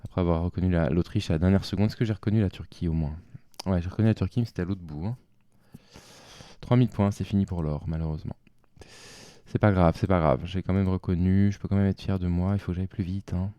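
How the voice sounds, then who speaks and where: A man's voice: low-pitched, fairly even intonation, quick pace, warm tone, smooth, dry recording, highs cut off. A man commenting on his own play of a geography game, thinking aloud and talking to himself.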